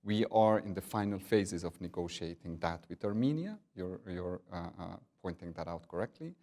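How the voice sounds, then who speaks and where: Guy, deep voice, slow diplomatic answers w lots of uhs. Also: expressive, dark tone. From Hungary. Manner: measured, diplomatic, with frequent filler pauses. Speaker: NATO partnerships director, guest. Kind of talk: interview answers.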